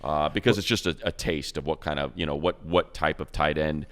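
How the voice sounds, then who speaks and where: Talking football as a co-host, this team radio play-by-play man speaks a little fast with a very deep, smooth, resonant voice. His rambling is animated, full of long runs of player names and frequently restarted sentences.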